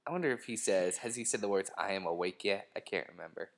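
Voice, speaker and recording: A young man with a low voice talks fast as a podcast co-host in a casual commentary chat about a TV episode, joking around and trying out mock impressions.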